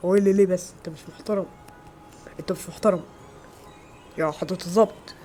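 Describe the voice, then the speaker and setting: A man with an Egyptian Arabic accent acting several everyday roles in a homemade skit, with quick, exclamatory lines. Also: sits high, fairly even intonation, faint music behind, lightly acted. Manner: quick, loud, exclamatory dialogue. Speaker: amateur actor.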